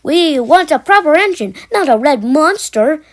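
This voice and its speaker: Lady doing bratty chanting train trucks for a kids story, really high, loud and mocking. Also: expressive, normal speed. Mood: taunting. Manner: chanting, repetitive jeering. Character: troublesome trucks, rude taunting gang of railway wagons. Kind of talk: children's storybook character reading.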